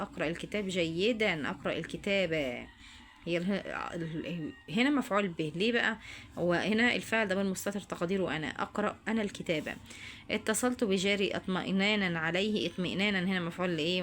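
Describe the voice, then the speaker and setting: A woman teacher with an Egyptian accent, walking students through homework answers and addressing them directly. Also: lowish voice. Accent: Egyptian Arabic. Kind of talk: homework walkthrough lesson.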